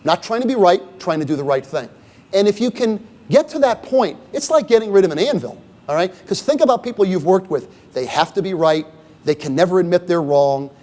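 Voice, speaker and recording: A middle-aged man delivers a brisk, animated leadership lecture at a university symposium, his high, darkish voice carrying through a large hall. Conversational throughout, he repeatedly checks in with "okay?" and "right?" and poses rhetorical questions to listeners.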